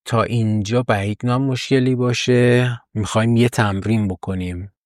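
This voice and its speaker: A man in his thirties from Iran, teaching English in a recorded lesson and repeating phrases slowly for practice. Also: mid-range voice, fairly even intonation, dry recording, clean studio sound. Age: 30s.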